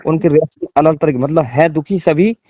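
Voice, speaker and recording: A man's voice: a little high, normal speed, dark tone, no echo, dull audio. A man, a guest in a casual conversation, describing things in a searching, repetitive way over a video call. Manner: searching, repetitive, thinking aloud.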